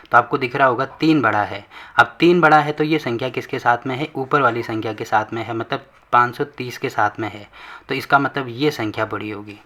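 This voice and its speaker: A man's voice: mid-range voice, pushed and bright. A man teaching a maths lesson, explaining step by step, patiently repeating himself and answering his own questions.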